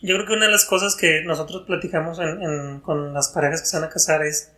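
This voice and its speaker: A man talks as a guest, thinking aloud and circling back over his words. His voice sits high for a man and sounds bright. The recording has a roomy echo around him. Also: steady tone, quick pace. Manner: thoughtful, repeats and restarts words while thinking. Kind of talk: casual reflective chat.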